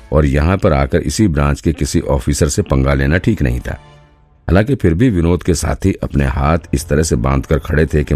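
A man narrating an audiobook in a steady storytelling manner. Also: very deep voice. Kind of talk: scripted narration. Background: faint background music.

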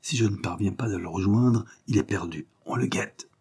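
A man voicing a cunning male detective who pretends to be naive and then presses with quiet urgency. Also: lowish voice, normal speed, slightly rough. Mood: urgent.

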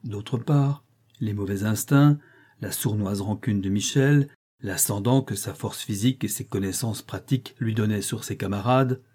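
A man reading a nineteenth-century short story aloud, with expressive, theatrical narration. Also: medium pitch, husky. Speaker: audiobook reader.

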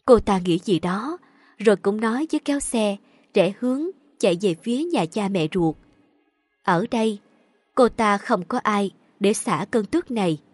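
A woman narrating a dramatic story in a steady storytelling voice. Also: medium pitch, no room sound.

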